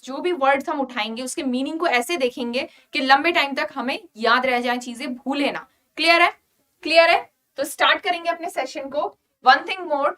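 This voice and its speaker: High-voiced Indian woman teaching vocabulary. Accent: Indian English. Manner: lively, repeats "clear?" to check understanding. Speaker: vocabulary teacher for exam prep. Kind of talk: online class lesson.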